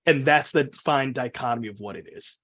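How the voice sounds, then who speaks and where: Man, animated conversational storyteller from New York City, mid-pitched, lo-fi call audio. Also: fairly quick. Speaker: ring announcer and event MC, interview guest. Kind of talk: casual interview chat. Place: indoors, on a video call. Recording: dull, lo-fi video call audio.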